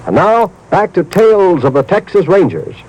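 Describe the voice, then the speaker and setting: A man's voice: high voice, very animated, normal speed, a little mellow, slightly rough, low-quality recording. A man reading a scripted mid-century radio public service announcement, earnest, formal and emphatic.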